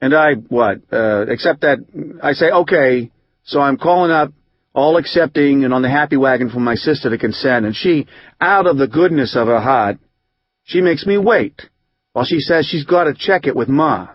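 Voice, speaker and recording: A man reading an audiobook, voicing a rough, hot-tempered recovering drinker who rambles in profane street slang. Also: medium pitch, expressive, moderate pace, dry recording, muffled recording, lightly acted. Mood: aggrieved. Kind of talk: audiobook narration.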